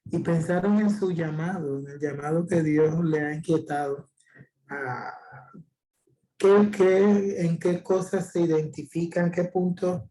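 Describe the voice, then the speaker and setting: A woman's voice: deep voice, warm tone, slight background noise, poor audio. A woman pastor leading a group Bible discussion, encouraging and giving frequent affirmations.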